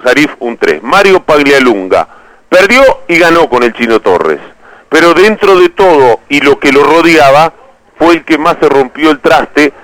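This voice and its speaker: Argentine radio analyst, rambly chatty grades, voice jumps around a lot, dead dry room. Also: male voice, fairly high pitch, sing-song, measured pace, a bit bright, no echo, rough recording. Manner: conversational, rambling, self-correcting. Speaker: football analyst. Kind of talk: player ratings on radio.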